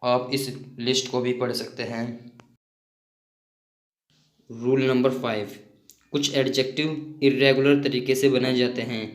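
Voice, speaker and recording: A man teaching English grammar in Hindi, explaining rules and slowly listing word forms with examples. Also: mid-range voice, level tone, reverberant. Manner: spells out suffixes letter by letter and lists word forms.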